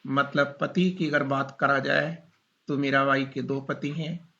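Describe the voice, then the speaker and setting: A male teacher giving a classroom lecture, dictating slowly and repeating points as he asks his students questions. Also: medium pitch, flat delivery, gravelly, bright, forceful tone, lo-fi sound.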